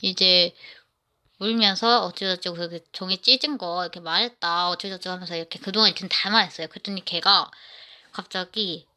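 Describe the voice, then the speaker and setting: A woman's voice: on the low side, brisk, bright, forceful tone. A woman narrating a personal story in the first person, rambling and often restarting her sentences.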